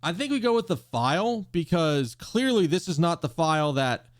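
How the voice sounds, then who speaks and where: A man's voice: on the high side, very animated, normal speed. A man giving casual game commentary, thinking aloud in a hesitant, questioning way. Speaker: gamer playing and reading aloud a visual novel.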